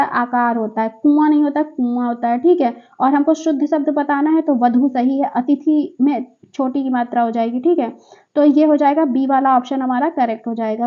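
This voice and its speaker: A woman's voice: high voice, narrow, tinny audio. A woman teacher explaining exam answers step by step, often checking in with the listener as she goes. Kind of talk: exam paper walkthrough.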